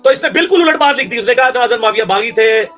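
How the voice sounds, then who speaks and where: A man's voice: very high-pitched, lively intonation, a bit bright. A man with a Pakistani Urdu accent giving an angry, scornful religious rebuttal, insulting and heated. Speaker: religious speaker.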